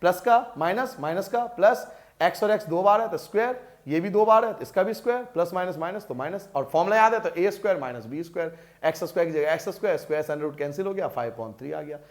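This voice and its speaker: Lively high-voiced male maths teacher. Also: quick pace. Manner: lively, coaxing, asks and answers his own questions. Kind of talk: board lesson.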